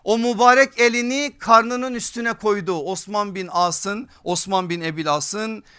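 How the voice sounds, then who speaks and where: A man's voice: sits high, measured pace, pushed and bright, clear, resonant tone. A man preaching a sermon from a pulpit microphone, emphatic, repeating his points and checking with rhetorical questions.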